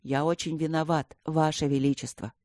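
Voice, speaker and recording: A woman's voice: deep voice, flat delivery, moderate pace, darkish tone, no room sound, studio quality, close to an everyday voice. A woman voicing a young nobleman mage, jealous but respectful in manner. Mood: contrite.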